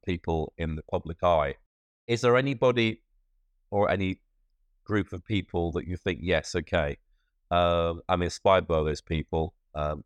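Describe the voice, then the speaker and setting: A man with a deep voice hosts a podcast interview, playfully inventing imaginary scenarios to pose to his guest. The recording is dry.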